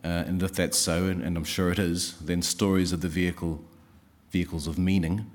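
A man with a New Zealand accent gives an informal speech of thanks in a deep voice. He goes haltingly, repeating words for emphasis. Māori phrases are woven into his oratory. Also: flat delivery. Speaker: speaker giving closing thanks at a writers' festival.

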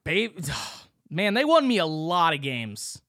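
A young man co-hosting a casual podcast chat, excited and rambling, swearing freely as he reminisces. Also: fairly high pitch, takes it slowly, dry recording, studio quality. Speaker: podcast co-host.

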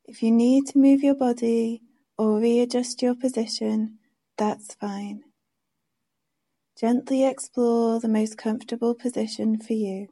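A woman leading a guided meditation with gentle, soothing, unhurried instructions. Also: a little high, steady tone.

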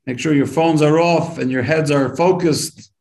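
A man with a fairly high voice and some vocal fry leads a live-streamed Torah class at a moderate pace. Chatty and upbeat, he greets viewers by name like a teacher warming up his regular students. The room lends his voice a noticeable echo.

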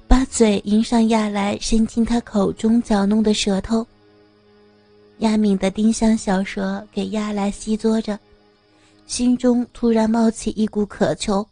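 A woman narrating an audio story in a smooth, steady reading voice. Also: on the high side, no echo.

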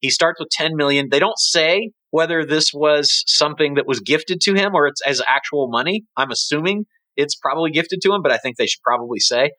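The recording is low quality but echo-free, capturing a middle-aged man with a slightly high, pushed, bright voice speaking fairly quickly. As co-host of a casual business podcast, he rambles and frequently restarts his sentences to correct himself.

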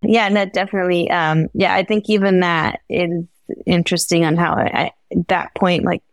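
A woman's voice: on the low side, fairly even intonation, normal speed, no echo. Chatty young woman, laughing between words. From San Francisco Bay Area. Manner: laughs often, chatty with many fillers. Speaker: podcast guest. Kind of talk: casual interview talk.

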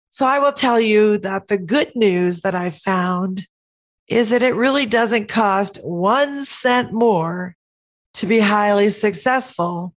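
A middle-aged woman hosting a podcast, speaking in an earnest, teaching tone with a voice hoarse from a cold. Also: medium pitch. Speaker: podcast host. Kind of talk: podcast monologue.

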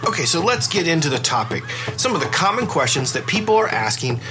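A middle-aged man hosting a podcast in a relaxed, conversational way, his voice congested and stuffy from a cold. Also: a little high, fairly quick, over music. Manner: relaxed, conversational, with fillers and restarts. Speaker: podcast host. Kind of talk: casual podcast talk.

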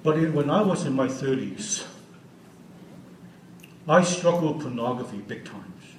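A man's voice: mid-range voice, lively intonation, a little slow, slight background noise. A man of sixty giving an unscripted church teaching as a guest speaker, earnest and often asking the audience questions. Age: 60s. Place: church hall. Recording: roomy hall audio from a distance.

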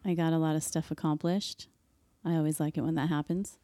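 A woman's voice: deep voice, level tone, fairly quick, dark tone, no room sound. A woman in her forties chatting with her husband on a home podcast, dry and playful with some hesitation. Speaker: co-host, stay-at-home mom. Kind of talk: casual home podcast chat. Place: living room floor at home.

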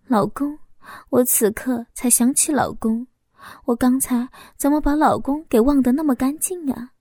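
Brief: high-voiced woman narrator, soft and intimate, slips into whispers, dry close mic. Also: steady tone, moderate pace, no echo. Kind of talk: scripted first-person audio story narration.

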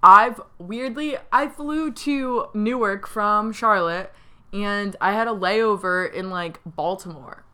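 A woman's voice: mid-range voice, slow, sharp tone, clear, resonant tone. A woman in her twenties from the northern United States, co-hosting a podcast in casual chat with wry quips and frequent laughter. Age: 20s. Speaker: podcast co-host.

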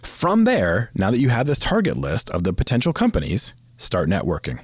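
A man hosting a career advice podcast, talking fast in a casual, chatty way. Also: on the low side, wildly swooping pitch, breathy edge, no room sound, studio quality. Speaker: podcast host.

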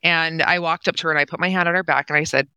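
A woman's voice: low voice, steady tone, very fast, bright, forceful tone, clean tone, dry recording. A woman in her forties telling a personal story in a casual, emotional way, acting out the voices of the people in it. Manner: emotional, acts out quoted dialogue. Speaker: guest, nonprofit co-founder.

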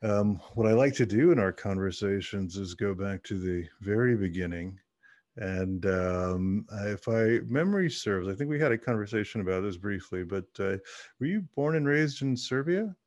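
A man with a low voice hosts a podcast, reading sponsor spots and a guest introduction before easing into conversation. He speaks in a close, dry sound and leans on ums and uhs when talking off script. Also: animated, normal speed, a little mellow, no room sound. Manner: hesitant, many fillers in conversation. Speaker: podcast host.

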